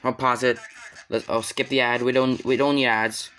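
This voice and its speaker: Smooth-voiced man, casual demonstration. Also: medium pitch, little pitch movement, normal speed, fairly bright tone. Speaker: hobbyist demonstrator. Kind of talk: casual hands-on demonstration chat.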